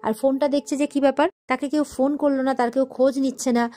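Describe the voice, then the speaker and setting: A woman's voice: high voice, little pitch movement, fast talker, warm tone. A woman retelling a TV serial episode, reading every character's lines in her own voice. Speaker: TV serial recap narrator. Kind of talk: fast storytelling recap.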